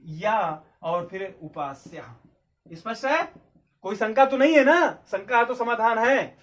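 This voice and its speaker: A man teaching Sanskrit grammar at a board, repeating each point and asking his students whether it is clear. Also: very high voice. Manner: repeats key points and checks understanding, asking questions aloud. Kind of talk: explaining at a board.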